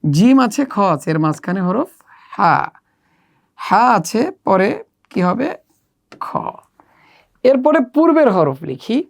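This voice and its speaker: A woman teaching children the Arabic letters, slowly and patiently working through a workbook one exercise at a time. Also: medium pitch, sing-song, creaky. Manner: slow, patient step-by-step instruction. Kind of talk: workbook lesson walkthrough.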